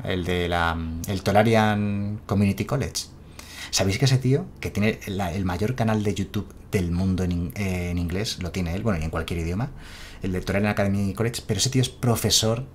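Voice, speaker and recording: Chatty streamer, lowish voice. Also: male voice, a little hiss or hum. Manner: rambling and chatty, reading out chat messages. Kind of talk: casual live-stream chat.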